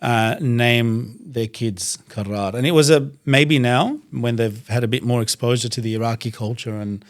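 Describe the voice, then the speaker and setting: Thoughtful man from Iraq, native Arabic. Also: medium pitch. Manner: thoughtful, measured, pauses to gather words. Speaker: guest, doctor and reciter. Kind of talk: conversational interview. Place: studio.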